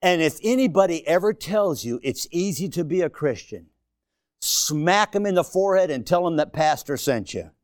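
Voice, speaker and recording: A man in his sixties preaching with a high, lively voice that swoops up and down. He exhorts and hammers his points home with repetition. The sound is close and dry. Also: normal speed, no echo. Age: 60s. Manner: emphatic, exhorting, repeats phrases for effect. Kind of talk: sermon. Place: church before a congregation.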